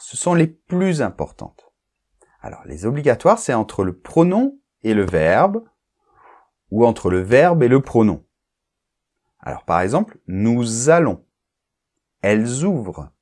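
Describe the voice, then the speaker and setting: A man teaching a French grammar lesson, explaining slowly and deliberately and often checking that the listener follows. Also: mid-range voice, a little mellow. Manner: slow, deliberate, checks understanding with frequent "d'accord?".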